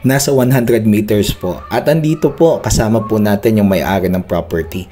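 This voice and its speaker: A man's voice: lowish voice, moderate pace, mellow. A man hosting a walking property tour vlog outdoors on a farm, speaking in an upbeat, polite, chatty way. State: out of breath while walking. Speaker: real estate vlogger.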